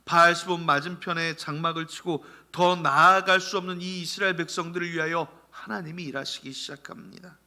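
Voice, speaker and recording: A man preaching a Sunday sermon, swinging from loud calls down to soft, near-whispered lines. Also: a little high, fairly even intonation, a little fast, few pauses. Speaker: pastor.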